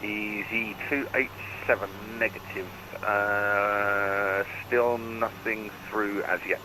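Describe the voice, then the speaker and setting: Bright-voiced male air traffic controller on radio. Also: fairly low pitch, steady tone, slow, poor audio. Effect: radio transmission. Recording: radio transmission with faint noise.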